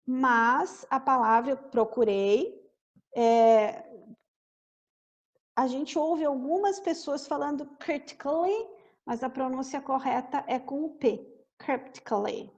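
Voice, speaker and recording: A woman teaching English through a song, explaining in Portuguese and slowly repeating English words and lyrics. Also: high voice. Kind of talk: song-based English lesson.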